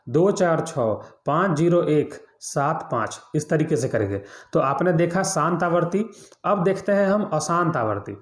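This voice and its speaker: A man explains a maths lesson, repeating key points and quizzing his students as he goes. His voice sits a little high. The room around him is echoey. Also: a little mellow. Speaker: maths teacher.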